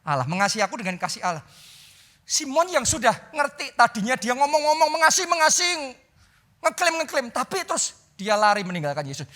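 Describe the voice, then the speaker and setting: A male pastor preaching a sermon with an Indonesian accent, dramatic, moving from loud climaxes to hushed, prayerful lines. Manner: dramatic preaching that swings from loud and high to soft and low.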